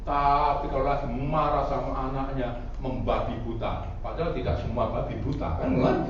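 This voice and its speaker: A man's voice: mid-range voice, fairly even intonation, normal speed, a little hiss or hum. A man preaching a Pentecostal sermon, teasing his congregation and often asking them questions. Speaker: pastor. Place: large church hall. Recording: echoey church hall, distant dull mic.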